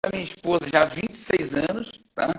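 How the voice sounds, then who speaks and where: Husky man in his forties. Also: a little high, fairly quick, fairly bright tone, poor audio. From Rio de Janeiro, Brazil. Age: 40s. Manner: friendly, chatty, self-introducing at length. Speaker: podcast guest. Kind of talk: personal testimony in a live podcast interview.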